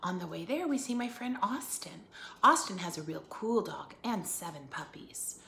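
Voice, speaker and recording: A woman teacher reading a picture book aloud for children, expressively, pausing to put questions to her listeners. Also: fairly low pitch, very animated, creaky, sharp tone. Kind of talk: animated read-aloud for children with asides and questions. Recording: echoey room, faint background noise.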